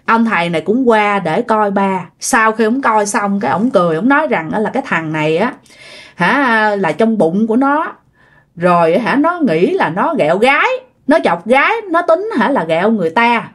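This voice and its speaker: Here a woman with an expressive, mid-range voice and a Southern Vietnamese accent narrates a ghost story at normal speed. She chats casually and addresses her audience head-on.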